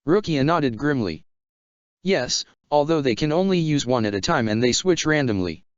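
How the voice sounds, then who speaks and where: Man with a smooth voice reading a story. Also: medium pitch, animated, moderate pace, no room sound. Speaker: narrator. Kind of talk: reading fan fiction aloud. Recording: dull lo-fi sound.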